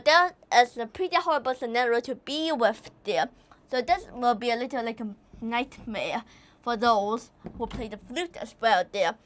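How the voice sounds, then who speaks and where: Higher-voiced woman explaining flute tuning. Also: a bit bright. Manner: rambling, repeats "here" and "there" at line ends. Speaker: flute teacher. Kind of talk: casual instructional demo.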